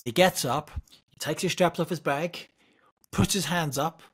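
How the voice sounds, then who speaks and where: A middle-aged man, a guest on an interview, telling lively anecdotes from his youth in a casual way. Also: fairly high pitch, a little slow, slightly rough. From United Kingdom. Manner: vivid, animated anecdote-telling with laughs. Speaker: guest, former Olympic boxer.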